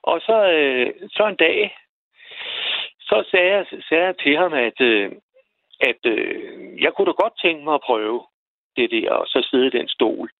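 A man calling in to a radio show, telling a personal story in a halting way, repeating words as he goes. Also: a little high, expressive, no room sound. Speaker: radio caller. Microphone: telephone. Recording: tinny phone line, dry.

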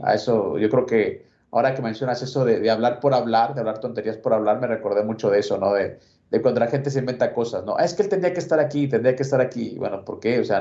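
A man's voice: mid-range voice, warm tone, roomy sound, lo-fi sound. A man telling a work story on a casual sports podcast, full of fillers and restarts.

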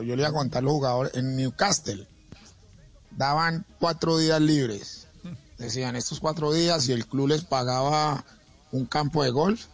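A man with a Colombian accent chatting casually, telling stories and acting out what people said. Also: mid-range voice.

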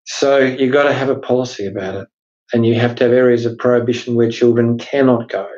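A man's voice: medium pitch, steady tone, brisk, darkish tone, dull audio. Chatty man explaining work law. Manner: chatty, emphatic, explains with rhetorical questions. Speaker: podcast co-host, workplace lawyer. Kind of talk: casual legal discussion podcast.

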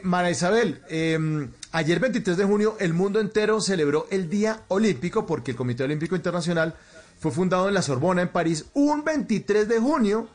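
Higher-pitched male radio host. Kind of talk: live radio interview.

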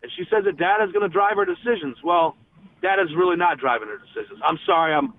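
A sports director calling in to a radio show, talking with passion and frustration and restarting often, heard over a phone line. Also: male voice, on the high side, expressive, quick pace, a little hiss or hum. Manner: impassioned, frustrated, many restarts.

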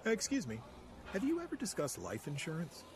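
Persuasive radio-ad pitchman, lively swooping intonation, upbeat sales read, noticeable background noise. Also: brisk. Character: persuasive, helpful male life insurance pitchman. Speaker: commercial pitchman. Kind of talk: insurance commercial read.

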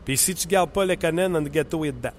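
A man with a Quebec French accent co-hosting sports talk radio, giving blunt, quick opinions. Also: on the high side, slight background noise.

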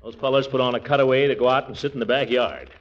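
An actor playing a pompous, blustering middle-aged uncle in a 1940s radio comedy, exclamatory and theatrical. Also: male voice, medium pitch, quick pace, background noise, close to an everyday voice. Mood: self-important. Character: pompous, blustering middle-aged uncle, vain small-town big shot. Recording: muffled vintage 1940s radio recording.

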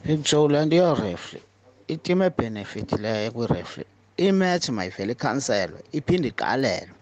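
A man's voice: mid-range voice, very animated, a little fast, a little mellow. A South African man calling in to a sports show with casual, firm opinions.

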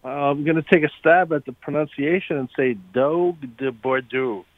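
A man's voice: a little high, normal speed. A man chatting casually as a caller to a radio phone-in. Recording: tinny narrow phone line.

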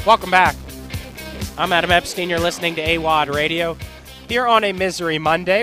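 A man's voice: a little high, sharp tone, clear, resonant tone. A man hosting a sports talk radio show, talking in an emphatic, worked-up rant. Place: live broadcast from a restaurant bar.

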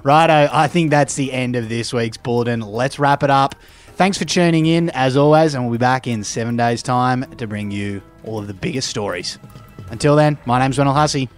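An Australian man presents a satirical bulletin in a mid-range voice. His anchor delivery is straight-faced and deadpan. A soft music bed runs behind him. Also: mid-range voice, normal speed. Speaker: news anchor of satirical show. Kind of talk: mock news bulletin presenting.

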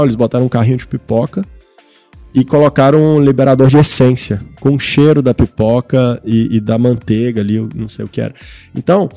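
A man's voice: medium pitch, warm tone, no echo. A man telling anecdotes as an interview guest, hesitant and full of fillers. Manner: storytelling, hesitant, many fillers. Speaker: guest, company co-founder.

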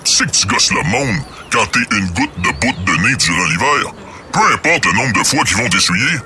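A cheeky, crude little droplet with a Québécois accent, played by a man and run through a voice changer, the disguised voice sitting low and sounding sharp and forceful. He brags and chats in a comedy radio sketch. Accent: Québécois French. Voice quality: boastful, crude, chatty.

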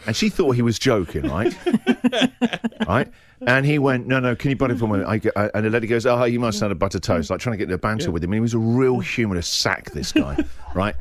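A middle-aged man hosting a radio show, telling a story in a casual, animated way, laughing and acting out the other people in it. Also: on the low side, fast talker, no room sound. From England. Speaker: radio host.

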